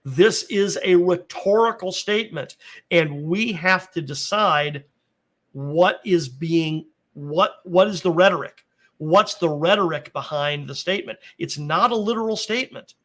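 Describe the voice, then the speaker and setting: A man with a voice a little higher than most men's, working through a Bible passage in a relaxed teaching tone. He lays out each point step by step, keeps asking his listeners "right?" and "okay?", and hedges his claims with care. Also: a little slow. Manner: explains step by step, often checking in with "right?" and "okay?"; cautious, qualifies his claims. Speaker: Bible teacher and podcast host.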